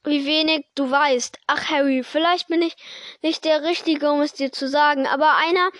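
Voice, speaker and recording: Brief: gentle rough giant from a storybook, woman reader, high voice, dry booth sound. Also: steady tone, moderate pace, no echo. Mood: worried. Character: big, gruff, kind-hearted male giant.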